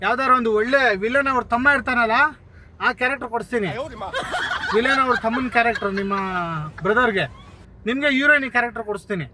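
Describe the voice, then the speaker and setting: A man's voice: very high voice, fast, very noisy. A man playing a prank, talking in a pushy, teasing and coaxing way inside a car. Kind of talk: hidden-camera prank talk.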